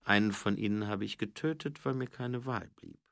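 A man acting out a weary city watchman made into an envoy, answering low and hesitantly. His voice is gravelly and quiet, kept near the floor of his range. The recording is dry and close. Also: moderate pace, no room sound. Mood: guarded, reluctant.

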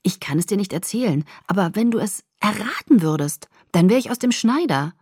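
A woman voicing a hoarse, hot-tempered young man in an audiobook, torn by a secret he cannot share, pleading in an urgent half-whisper. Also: on the low side, normal speed, darkish tone, no room sound, studio quality. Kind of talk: audiobook character voice.

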